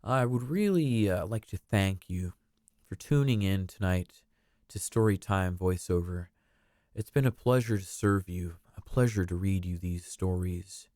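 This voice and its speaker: Lowish-voiced man, casual story show host. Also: measured pace, darkish tone, no echo, clean studio sound. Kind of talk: casual sign-off to viewers.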